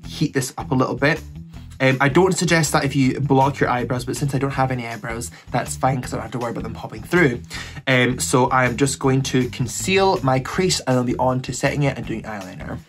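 A man's voice: mid-range voice, a bit bright. A young man with a camp, gossipy, slangy manner, chatting through a makeup tutorial as a drag queen. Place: small indoor setup before a cloth backdrop. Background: background music.

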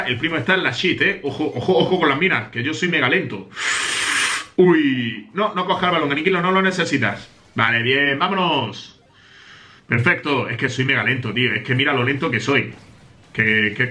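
A man's voice: fairly high pitch, pushed and bright. A young man from Spain with a Spain Spanish accent commentates his gameplay in a hyped, boastful way, rattling off repeated words. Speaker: gaming youtuber.

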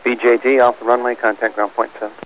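A man's voice: mid-range voice, level tone, quick pace. A man working as an airport tower air traffic controller, giving clipped instructions over air band radio. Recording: muffled radio with faint static.

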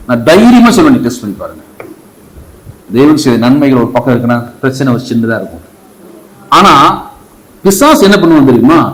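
A man preaching a sermon to a congregation as pastor, asking them questions and calling for responses, swinging between loud high emphasis and low quiet asides. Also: rough recording. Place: church.

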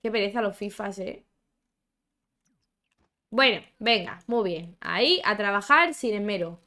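A woman's voice: mid-range voice, lively intonation, measured pace, bright, forceful tone. A young woman giving chatty, exclamatory commentary as she plays a life-sim game, talking to her characters and her viewers. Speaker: gaming YouTuber. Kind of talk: casual gameplay commentary.

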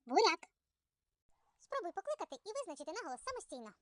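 A woman teaching a children's lesson, calling out words slowly in a sing-song way. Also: very high voice, big pitch swings, no room sound.

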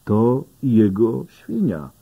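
A man's voice: lowish voice, big pitch swings, gravelly, husky, narrow, tinny audio, full character voice. A man reading an audiobook, voicing a cocky blind male army veteran who argues indignantly. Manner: indignant, fast-talking arguments.

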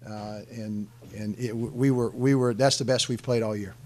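The speaker is a middle-aged head basketball coach sitting at a press conference table with a desk mic on a stand. In a mid-range, somewhat mellow voice with fairly even intonation and normal speed, he answers emphatically, repeatedly restarting phrases.

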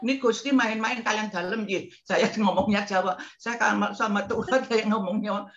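A woman in her eighties telling lively stories with laughter as a guest on a talk show. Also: mid-range voice, moderate pace, highs cut off. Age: 80s. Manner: lively, laughing, mimics singing scales. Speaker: guest entertainer. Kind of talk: casual talk show storytelling.

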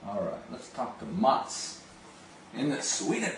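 A middle-aged man who works as a video phone sales representative speaks unhurriedly in a medium-pitched, fairly bright voice whose pitch swoops wildly. He casually demonstrates a product and chats on a call, gushing with enthusiasm, in a small indoor home office. A camera a few steps away records him, yielding roomy, distant sound with hiss.

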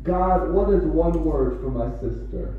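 A man in his forties preaching through an interpreter in a church hall, speaking in short encouraging phrases with pauses for translation. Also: fairly high pitch, expressive. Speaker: visiting preacher. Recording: echoey hall, distant and dull.

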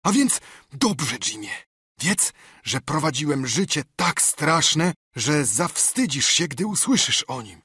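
A man's voice: fairly high pitch, takes it slowly, breathy edge, dry recording, clean studio sound, pitched above the performer's own voice, full character voice. A man voicing a half-mad marooned castaway who is eager, wheedling and keeps repeating himself. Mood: confiding. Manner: excitable, pleading, repeats himself.

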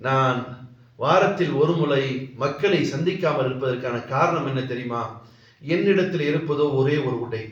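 A man's voice: a little high, close to an everyday voice. A man voicing an aged, pious male governor who speaks in a solemn, pleading way. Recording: echoey hall, distant mic, dull lo-fi sound.

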